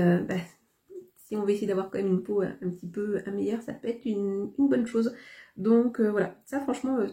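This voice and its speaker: A young haul vlogger with a medium-pitched, mellow voice chats casually to camera about her shopping haul. She sounds hesitant, with many fillers and restarts.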